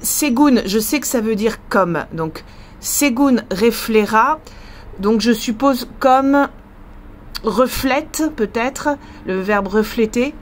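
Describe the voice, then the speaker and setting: A woman's voice: fairly high pitch, takes it slowly, slight background noise. French woman thinking aloud over a text. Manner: hesitant, thinking aloud with many fillers. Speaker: French language teacher. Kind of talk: casual language-learning vlog, thinking aloud.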